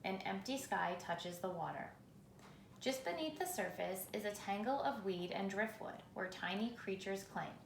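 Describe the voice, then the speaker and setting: This is a woman reading a children's story aloud in a noticeably creaky, medium-pitched voice. She takes a measured, expressive approach with dramatic pauses. Clear echo fills the room, with faint background noise underneath.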